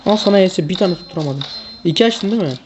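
A woman's voice: lowish voice, animated, rapid-fire, heavy background noise. A woman streaming a mobile shooter, chatting casually and teasing her friend in exasperated slangy banter. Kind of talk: casual gaming chat with a friend.

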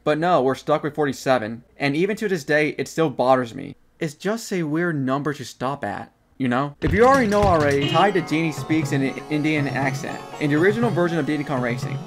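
A man's voice: fairly high pitch, animated, fairly quick, hardly any pauses, over music. A young man narrating a gaming trivia video in a casual, wry way, with sarcastic asides.

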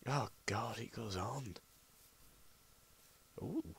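A man's voice: sits low, normal speed, creaky, low-quality recording. A man rambling through gameplay commentary as host, often muttering under his breath, recorded on a laptop mic. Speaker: gaming channel host. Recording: loud background noise.

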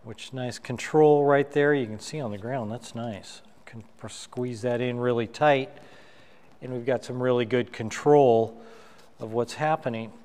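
Slow-talking man demoing studio gear. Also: medium pitch, darkish tone, in a large hall, a little hiss or hum. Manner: unhurried, talks while assembling gear. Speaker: photographer reviewing gear. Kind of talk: hands-on gear demo. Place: dark studio, at a table. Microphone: wireless lapel mic.

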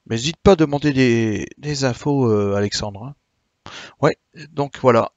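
A man streaming live, chatting casually with viewers, a bit tired, explaining slowly with many hesitations. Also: medium pitch, darkish tone, no room sound, dull audio. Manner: hesitant, many "euh" and restarts, friendly explaining. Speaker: Twitch streamer.

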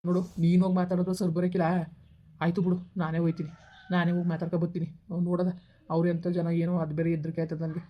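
A woman's voice: fairly low pitch, little pitch movement, dull audio, close to an everyday voice. A woman playing a young man who scolds and comforts a crying friend like an older brother in a village comedy skit. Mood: scolding, reassuring. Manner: scolding yet reassuring, fast and blunt.

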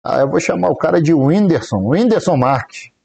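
A man's voice: on the high side, fast, creaky, dark tone. A man from Brazil streaming live day trades, chatting casually with viewers and joking while he counts aloud. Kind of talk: live trading stream chat.

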